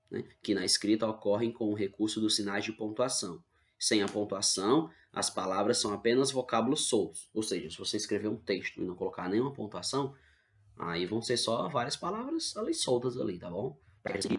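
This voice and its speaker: A man's voice: on the low side, creaky. A male teacher with a Brazilian Portuguese accent, explaining grammar patiently in an online class and checking in often with the students.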